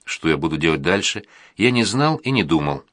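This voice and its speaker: A man narrating a first-person audiobook in a plain, even reading manner. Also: low voice, fairly quick, dry recording, clean studio sound.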